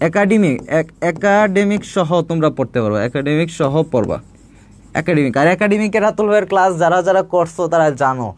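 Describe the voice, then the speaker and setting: A young man from Bangladesh giving an online exam-prep lesson, repeating points with a fast pep-talk manner. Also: a little high, animated. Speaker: admission test tutor.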